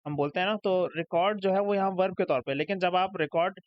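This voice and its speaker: Over a set of slides, a young male English tutor with a Pakistani Urdu accent lectures at a quick pace in a high voice. He builds his explanation step by step, tagging each point with "ठीक है?", on a dry, dull, slightly muffled lo-fi recording.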